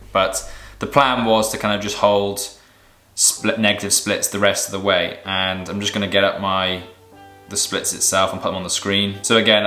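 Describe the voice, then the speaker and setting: Guy chatting casually for a vlog, low bright voice, roomy echo with guitar music behind. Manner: conversational, matter-of-fact. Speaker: vlogger and amateur runner.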